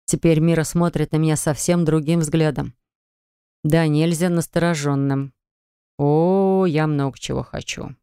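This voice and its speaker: A woman's voice: low voice, steady tone, measured pace, mellow, clean tone, dry recording. A woman narrating a first-person audiobook in a wry, conversational manner, recorded in a studio.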